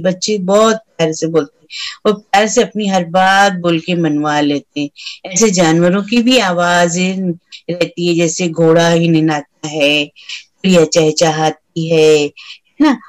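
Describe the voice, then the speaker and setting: Slow sing-song woman teaching children. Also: fairly low pitch, rough recording. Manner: slow, sing-song recitation with sound imitations. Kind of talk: teaching a children's rhyme lesson.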